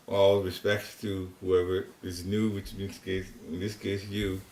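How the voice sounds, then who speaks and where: A deep, monotone, slightly mellow voice, unhurried in pace, belongs to an older Ghanaian man with a Ghanaian accent leading a devotional class. In a private home's living room he offers informal spiritual teaching, chatty and rambling, with chuckles along the way. He sits some distance from a room recorder, making the home recording roomy with faint hiss.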